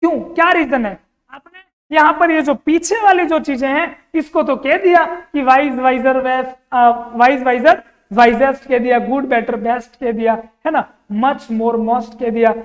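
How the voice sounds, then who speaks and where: A man with a high voice leads a grammar lesson for exam prep, repeatedly posing questions to the class and then answering them himself. He speaks at a normal pace, and his voice carries a long, hall-like reverb.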